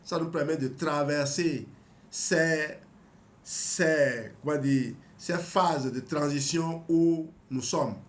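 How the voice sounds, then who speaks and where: A health channel host in his fifties reads a health book aloud and adds his own comments. His voice sits on the high side and moves slowly, and he often hesitates and restarts, letting out small laughs along the way.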